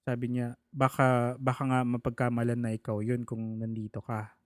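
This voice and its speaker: A man's voice: medium pitch, moderate pace, no room sound, studio quality. A man casually telling a personal story, acting out the people he quotes. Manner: animated, acts out the people he quotes.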